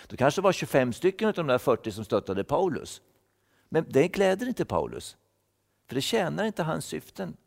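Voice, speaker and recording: A man's voice: mid-range voice, darkish tone, big-room sound. A man giving a thoughtful Bible-teaching sermon, repeating words as he explains. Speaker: preacher.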